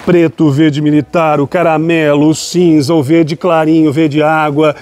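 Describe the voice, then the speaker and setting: A man's voice: on the high side, flat delivery, moderate pace, a little mellow, dry recording. Chatty man vlogging a street market. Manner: upbeat, chatty, keeps addressing viewers as "gente". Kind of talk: walking market vlog with vendor chat. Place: outdoor night street market, busy city street. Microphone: handheld phone camera.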